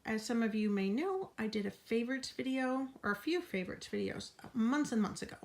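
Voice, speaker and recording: A woman's voice: on the high side, expressive, fairly quick, a little mellow. An out-of-breath woman giving a casual update vlog from her bed at home, talking in a frank, indignant way and sometimes dropping into a whisper. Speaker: vlogger.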